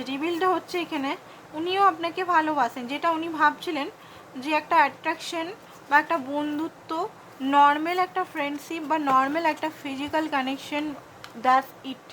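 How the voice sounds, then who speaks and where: A woman with a Bengali accent giving a fast, repetitive tarot reading and advice, mixing in English words. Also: high voice, bright, forceful tone, slight background noise, poor audio. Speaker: tarot card reader.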